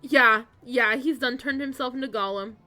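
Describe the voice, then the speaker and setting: A woman's voice: fairly high pitch, moderate pace, pushed and bright. A woman giving casual, playful commentary as she plays a video game and reacts aloud. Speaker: game streamer. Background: game music.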